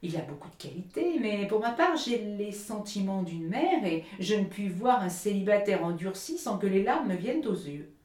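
A woman's voice: medium pitch, lively intonation, normal speed, few pauses, darkish tone, lightly acted. A woman voicing a motherly, fussy female duck who speaks in a sentimental, prim way, in a storybook reading. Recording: roomy echo.

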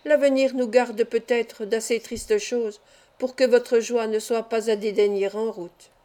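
Woman reader as measured, serious male doctor, mellow tone, a bit high. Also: fairly even intonation, lightly acted. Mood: kindly. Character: kind, serious, wealthy middle-aged male doctor.

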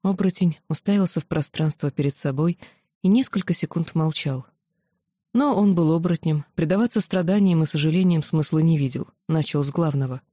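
An audiobook narrator reading a first-person novel in an even, measured way. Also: medium pitch, dry recording, studio quality.

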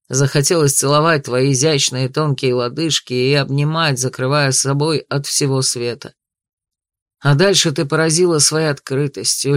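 A man's voice: medium pitch, dry recording, close to an everyday voice. Brief: male reader as a hurt young noble fiancé, bitter and clipped, mid-range voice, dry close sound. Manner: bitter, restrained anger. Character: young man, a wounded, bitter betrothed nobleman. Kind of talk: audiobook dialogue reading.

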